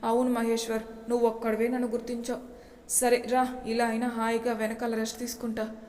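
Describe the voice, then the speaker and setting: A woman's voice: on the high side, monotone, a little fast, mellow, close to an everyday voice. Woman doing a jovial, teasing office colleague. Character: middle-aged man, joking lazy office colleague. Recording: long reverb echo.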